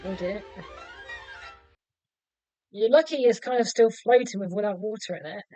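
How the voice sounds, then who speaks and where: A woman's voice: medium pitch, normal speed, dark tone, no room sound, faint music behind, poor audio. A woman giving casual commentary as she hosts a film reaction. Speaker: reaction host.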